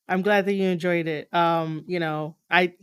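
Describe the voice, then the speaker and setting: A woman's voice: fairly low pitch, fairly even intonation, slow, clean tone. A woman hosting a wrestling interview in casual, fan-like chat, rambling informally with frequent asides.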